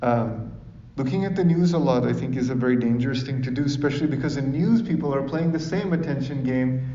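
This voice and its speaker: A Sri Lankan man with a brisk, mellow, mid-range voice gives an informal public talk with audience questions, speaking conversationally and often using tag questions to seek agreement. He's in an echoey room before an audience, and the distant-mic recording sounds roomy and dull.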